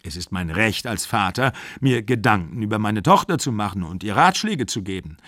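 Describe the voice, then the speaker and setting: A man playing a calm, firm middle-aged father speaking in a measured, cool way. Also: lowish voice, no room sound, clean studio sound.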